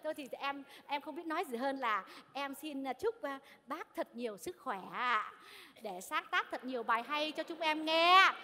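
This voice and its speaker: A woman's voice: sits high, animated, fast talker, hardly any pauses, pushed and bright, long reverb tail. A woman acting a fussy, lovestruck older lady with a Northern Vietnamese accent in a stage comedy sketch. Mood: bashful. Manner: fussy, bashful, theatrical.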